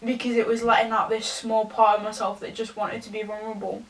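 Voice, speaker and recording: A young woman, tipsy, giving a rambling, halting confessional rant to a camera some distance away. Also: on the high side, little pitch movement. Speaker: vlogger. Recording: distant from the mic.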